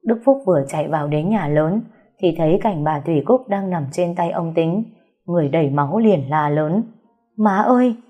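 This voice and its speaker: A woman narrating a dramatic novel aloud in steady storytelling. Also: low voice, normal speed, dull audio. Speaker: audiobook narrator. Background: faint music.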